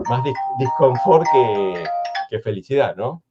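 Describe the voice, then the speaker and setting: A man with an Argentine Spanish accent, speaking as a guest historian in a thoughtful radio conversation, measured and hesitant, with many restarts. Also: mid-range voice, lively intonation, dull audio, over loud music.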